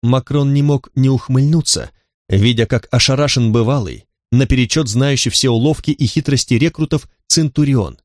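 A man reads a novel aloud as the audiobook narrator, steady and measured in his storytelling. His voice sits at a middle pitch and sounds dry, as if recorded close in a quiet booth. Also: no room sound. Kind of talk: scripted narration.

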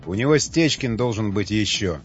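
A man's voice: fairly low pitch, animated, normal speed, lightly acted. A man voicing a commanding male soldier leader who barks curt orders, in an audiobook. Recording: dull lo-fi audio with faint music.

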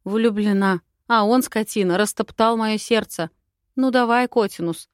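A woman voicing a quick-tempered, sharp-tongued young bride in an audiobook. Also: mid-range voice, dry recording, studio quality, natural voice. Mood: bitter. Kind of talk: audiobook character voice.

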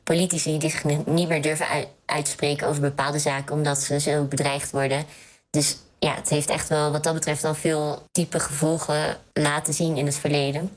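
Woman with a deep pitch-shifted disguised voice. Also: little pitch movement, normal speed. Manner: hesitant, many fillers and restarts. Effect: voice distorted, pitch shifted deep for anonymity. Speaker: intelligence analyst. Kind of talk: interview answers.

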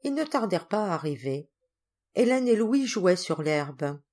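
A woman narrates a classic children's novel for an audiobook in a clear, steady manner. Her voice sits on the low side for a woman. The reading is fully scripted storytelling. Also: measured pace. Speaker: audiobook reader.

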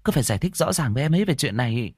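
A man voicing a sensible young woman doctor who speaks quickly and urgently. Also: mid-range voice, lively intonation, a little mellow, breathy edge, dry recording, studio quality, pitched above the performer's own voice. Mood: urging.

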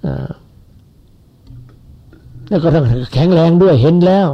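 A man's voice: on the high side, unhurried, husky. A man in his seventies giving a rambling, folksy Buddhist sermon to followers. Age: 70s. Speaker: Buddhist teacher. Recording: lo-fi dull recording.

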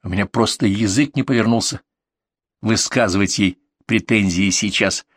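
A man with a low voice reads a first-person story aloud. His delivery is steady and vivid. The sound is dry and close to the mic. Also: normal speed, no echo. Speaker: audiobook narrator. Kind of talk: first-person audiobook narration.

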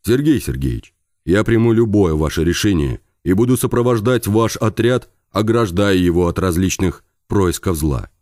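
A man reading a novel aloud, voicing a calm, grave priest who speaks in a measured, solemn way. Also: low voice, dry recording, clean studio sound.

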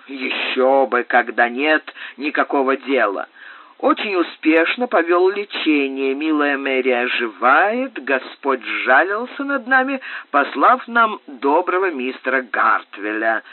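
A man's voice: mid-range voice, no echo. A man voicing a furious, vain male doctor in an audiobook, with scornful outbursts, on a tinny recording. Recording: tinny phone-like dry sound.

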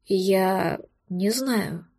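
A woman voicing a thousand-year-old male dragon, anxious and tender, speaking low and pleading in an audiobook. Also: very slow, vocal fry, a little mellow, dry recording, clean studio sound, heavily acted. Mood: alarmed.

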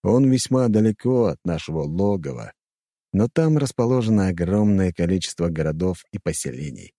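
Brief: male audiobook narrator, dark warm tone, animated delivery, dry close mic. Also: low-pitched, moderate pace, dry recording. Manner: expressive storytelling. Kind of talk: scripted first-person narration.

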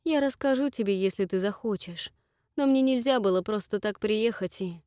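A woman reading an audiobook, voicing a gentle, guilt-ridden woman who talks softly and slowly. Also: medium pitch, dry recording, clean studio sound, voice pushed up, natural voice. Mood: gentle earnest. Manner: soft, slow, gentle. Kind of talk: audiobook character voice.

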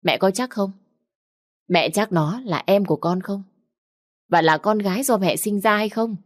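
A woman's voice: medium pitch, unhurried, no echo, clean studio sound, voice pushed up, close to an everyday voice. A woman reading a story aloud, voicing a blunt, hot-tempered older sister who speaks coarsely. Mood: cold questioning.

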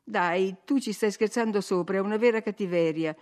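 A woman's voice: mid-range voice, moderate pace, a little mellow, lightly acted. A woman voicing an impetuous, willful young woman who speaks in an emphatic, insistent way. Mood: passionate.

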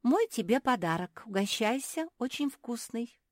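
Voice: squeaky. Figure: woman doing a greedy little pug. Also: sing-song, moderate pace, dry recording, studio quality. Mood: flustered. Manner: flustered, squeaky.

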